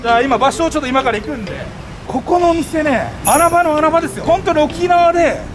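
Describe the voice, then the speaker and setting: Male food vlogger, upbeat and chatty, high-pitched and very fast. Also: noisy background. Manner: excited, enthusiastic, animated. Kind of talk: casual chatty restaurant review. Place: outdoors on a city street. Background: background music.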